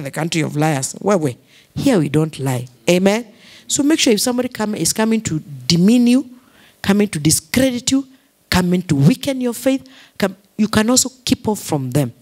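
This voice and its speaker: A woman's voice: mid-range voice, a little mellow. A Kenyan woman pastor preaching a sermon, repeating key phrases, mixing English with Swahili and calling for responses from the congregation.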